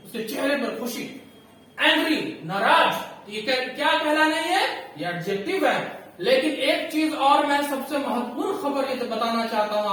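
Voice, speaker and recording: A woman teaching English grammar, deliberate and repetitive, talking to students like a fond elder. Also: sits high, fairly bright tone. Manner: slow and deliberate, repeats examples, calls students "beta". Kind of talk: classroom grammar lesson. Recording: very echoey room, voice far from mic.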